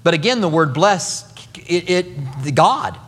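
A man's voice: a little high, unhurried, husky, long reverb tail. A middle-aged man preaching a sermon as pastor, telling stories with humor. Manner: animated storytelling with humor.

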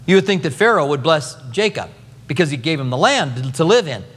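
Middle-aged man, pastor, sermon, high voice, long echo, humorous storytelling. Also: sing-song, fairly quick, fairly bright tone, slightly rough.

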